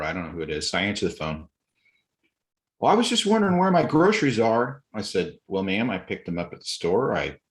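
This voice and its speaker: Low-pitched male podcast guest, animated anecdotes with voiced quotes. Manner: animated retelling, acts out quotes, occasional laughs. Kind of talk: casual storytelling.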